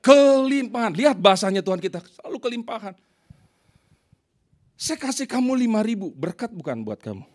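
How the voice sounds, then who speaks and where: A man preaching a sermon to his church congregation, telling stories in a lively, animated way. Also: high-pitched, brisk. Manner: animated storytelling, addressing the congregation. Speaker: pastor.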